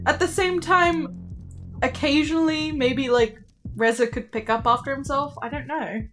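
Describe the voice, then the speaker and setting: A woman's voice: high-pitched, normal speed, a bit bright, faint music behind. A woman streamer commenting on a game playthrough with giggly, joking asides.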